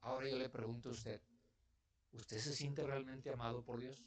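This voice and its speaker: A man's voice: medium pitch, flat delivery, normal speed. A man from Mexico preaching a sermon in church, talking to the congregation in a conversational way and putting questions to them. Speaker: pastor.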